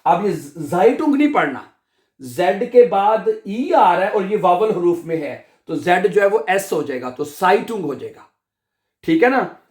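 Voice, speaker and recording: A man's voice: sits high, big pitch swings, unhurried, a little mellow, reverberant. A man with a Pakistani Urdu accent teaching a beginner language lesson, patiently repeating each sound and checking that students follow.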